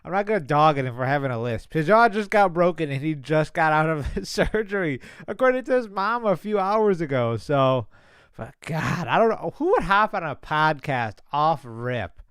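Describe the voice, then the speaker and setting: Young male reaction host, casual and chatty, slightly higher voice, smooth and close to the mic with a dry sound. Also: very animated, normal speed, fairly bright tone, no echo. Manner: chatty, laughs easily, restarts sentences. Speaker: boxing commentator reacting to a clip.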